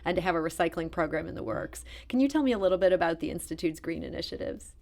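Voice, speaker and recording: A woman's voice: lowish voice, lively intonation, fast, vocal fry, a little mellow. A woman hosting a radio interview who asks her questions in a polished, conversational way. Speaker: radio host.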